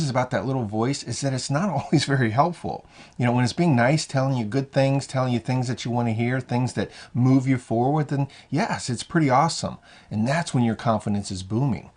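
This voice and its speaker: A man's voice: mid-range voice, slightly rough. A man talking straight to his viewers as a hockey confidence coach, encouraging and conversational, often saying "you know" and restarting phrases. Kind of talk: motivational talk to camera.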